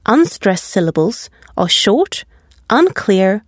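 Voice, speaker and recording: A woman narrating a scripted English pronunciation lesson, speaking deliberately and enunciating each word with care. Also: medium pitch, sing-song, no room sound, studio quality. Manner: slow, deliberate, carefully enunciated. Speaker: language course narrator.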